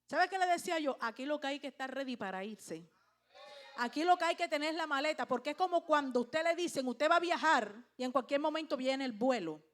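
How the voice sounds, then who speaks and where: A high-pitched woman pastor preaches with emphatic force. She keeps tossing questions out to the congregation and drives each point home. She sounds middle-aged. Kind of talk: sermon.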